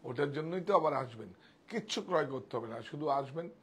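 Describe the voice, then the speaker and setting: A man's voice: fairly high pitch, animated, fast, a bit bright, slight background noise. A man selling saris on a live stream, chatting with viewers and directing helpers off to the side. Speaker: sari seller on a live sale.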